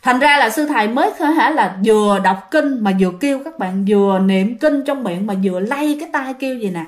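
A young woman with a Southern Vietnamese accent tells a ghost story in a chatty, casual way, speaking straight to her listeners with many fillers. Her voice is a little high, with lively intonation and a slightly fast pace.

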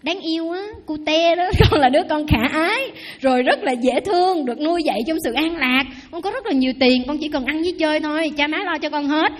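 A woman, a Buddhist nun, giving a dharma talk in a lively, teasing way and asking the audience questions. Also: sits high, brisk. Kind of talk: sermon.

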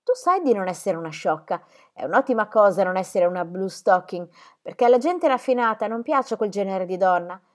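A woman performing a fussy, sharp-tongued mother from an audiobook, her scolding voice rising high and swooping, prim and cutting in every word. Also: sing-song, normal speed. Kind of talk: audiobook character reading.

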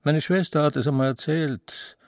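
A man's voice: on the high side, moderate pace, darkish tone, no room sound, studio quality, close to an everyday voice. A man reading the lines of a withdrawn young bachelor in a story, hesitant and brooding.

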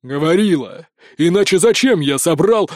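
A man voicing a huge, furious male cat-warrior prince who roars his lines slowly and with command. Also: fairly high pitch, expressive, darkish tone, no echo, studio quality, natural voice. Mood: roaring. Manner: roaring, slow and commanding.

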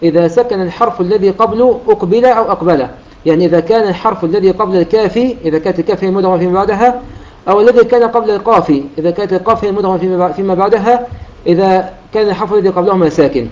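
A man teaching the rules of Quran recitation, explaining a classical poem line by line and slowing down to recite the examples. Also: sits high, darkish tone. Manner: explanatory, quotes verses in a slow chanted delivery. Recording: dull lo-fi recording.

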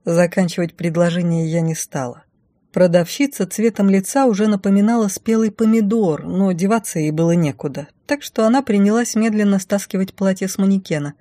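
A woman's voice: mid-range voice, fairly quick, dark tone, no echo. A woman reading a first-person story aloud with a dry, ironic delivery. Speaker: audiobook reader. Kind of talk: scripted first-person narration.

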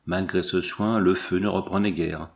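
Homme au débit posé, narration de livre audio. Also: male voice, low-pitched, fairly even intonation, normal speed, creaky. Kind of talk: scripted narration of a memoir.

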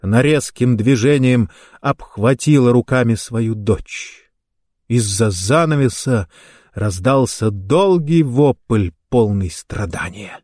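A man reading a story aloud in slow, measured narration. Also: mid-range voice, expressive, a little mellow, dry recording, clean studio sound. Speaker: audiobook narrator.

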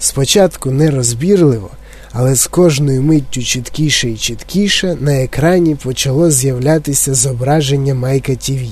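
A man's voice: medium pitch, moderate pace, breathy edge. A man narrating a children's book expressively. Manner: expressive storytelling. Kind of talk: audiobook narration of a children's novel.

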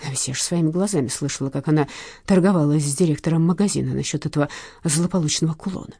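A woman narrating a first-person audiobook in a brisk, ironic storytelling manner. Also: low-pitched, dark tone, slightly rough, no room sound, studio quality.

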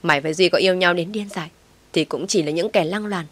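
A woman voicing a jealous young wife who curses and shouts harshly. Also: on the low side, quick pace, no room sound, close to an everyday voice. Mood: furious.

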